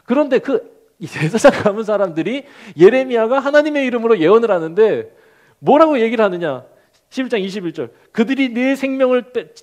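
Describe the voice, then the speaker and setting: A male pastor preaching a sermon, acting out quoted complaints in character voices and dropping to a soft, low delivery at key moments. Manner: animated, acts out the prophet's complaints in quoted voices.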